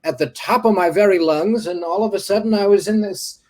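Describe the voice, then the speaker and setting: Playing a confused Civil War doctor, a male guest rambles and stammers with old-timey bluster in an improvised comedy character. He speaks fairly quickly in a high, slightly mellow, natural-sounding voice.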